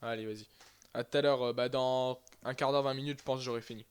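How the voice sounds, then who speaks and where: A man's voice: mid-range voice, steady tone, fast, clean tone. A young man giving casual, rambling live commentary over his own gameplay, with lots of fillers and restarts. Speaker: gaming YouTuber.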